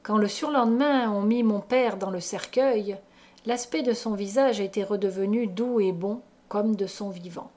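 A woman narrating a gothic tale aloud in a slow, measured, dramatic reading. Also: mid-range voice, a little mellow. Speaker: audiobook reader. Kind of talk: literary audiobook narration.

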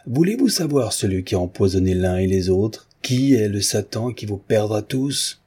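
An imperious young countess barks orders at a mob in a storybook reading, put on by a man with a husky, dark voice raised a little. She sounds scornful and fully in charge. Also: lowish voice, lively intonation, moderate pace. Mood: commanding. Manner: imperious, scolding.

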